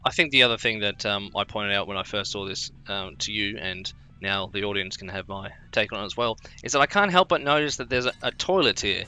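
Bright-toned, rambling male co-host. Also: lowish voice, lively intonation, fairly quick, few pauses, clean tone. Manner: rambling, many fillers and restarts, chatty. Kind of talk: casual gaming commentary.

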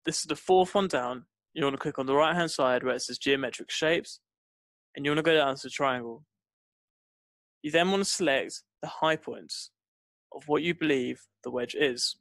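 Explaining step by step, a male trading instructor narrates a scripted lesson on a close voice-over mic with no room sound at all. He talks at a normal speed, his tone slightly high and a touch bright.

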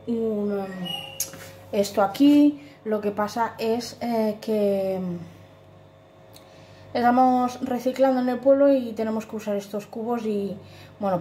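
A woman from Spain films a casual, homely tour of her small, dim flat on a handheld phone, apologizing often and checking in with "¿vale?" amid lots of fillers. Her voice is fairly high and measured. The tiled kitchen and bathroom sound echoey, with a little hiss or hum.

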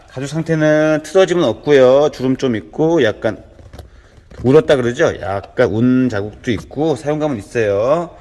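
A man gives a used car walkaround in a mid-pitched voice with long reverb around it. He works through the features one by one in smooth salesman patter, like a dealer making his pitch.

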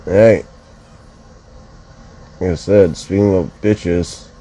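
Male streamer, sleepy and profane, dark mellow tone, talks under his breath at his game. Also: deep voice, steady tone, extremely slow, rough recording. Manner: groggy, swearing, muttering to himself. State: just woke up, yawning. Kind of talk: casual gameplay commentary.

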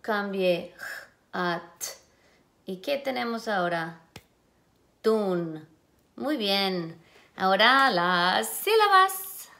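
A woman teaching a class of young children speaks at a very slow, deliberate pace. She pulls each syllable apart into its separate sounds and patiently prompts the class to repeat after her. Her pitch sits in an ordinary middle range. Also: animated, creaky, bright, forceful tone. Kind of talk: phonemic awareness lesson for children.

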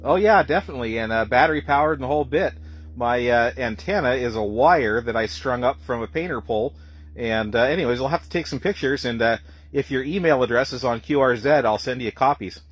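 An amateur radio operator speaks plainly in radio jargon during a ham radio contact, repeating details and spelling phonetically for clarity. His mid-range voice is husky and a little fast.

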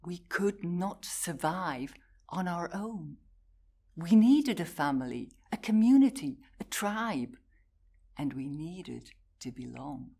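Slow, low-voiced woman giving a talk. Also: animated, vocal fry, dark tone, slightly rough. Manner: measured, deliberate storytelling with short phrases. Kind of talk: prepared personal talk to an audience.

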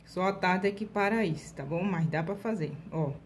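A woman's voice: fairly low pitch, a little hiss or hum. A Brazilian woman hosting a casual nail art tutorial, chatty, checking in with her viewers constantly as she demonstrates brush strokes step by step. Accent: Brazilian Portuguese. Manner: slow, deliberate demonstration while painting.

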